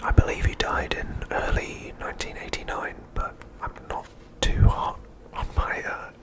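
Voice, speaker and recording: Here a man, hosting ASMR content, recaps an episode. The whisper he uses is unvoiced, breathy, and hushed, and he speaks deliberately.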